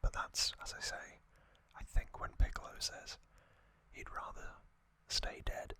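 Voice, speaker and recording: In a pushed, bright whisper with no room sound, an ASMR host works slowly through an explainer that seems improvised. The delivery is breathy and unvoiced, with many pauses.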